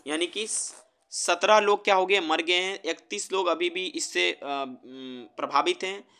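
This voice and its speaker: A man teaching vocabulary, explaining words with memory tricks and checking that students follow, reading English examples slowly. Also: high voice, sharp tone, clear, resonant tone. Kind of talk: vocabulary lesson.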